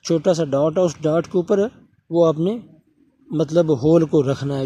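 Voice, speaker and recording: A man's voice: fairly high pitch, mellow, slightly rough. Man teaching a motor repair. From Pakistan. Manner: talks while working, often asking viewers to subscribe; repeats fillers and checks in with the viewer. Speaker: electronics repair technician. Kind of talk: hands-on repair tutorial.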